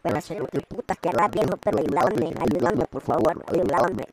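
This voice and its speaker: A man's voice: a little high, sing-song, moderate pace, a little hiss or hum. A man voicing a stammering, injured male mutant through a half-robotic voice filter in an amateur comedy skit. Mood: pained pleading. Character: cow-faced male mutant, injured, odd voice.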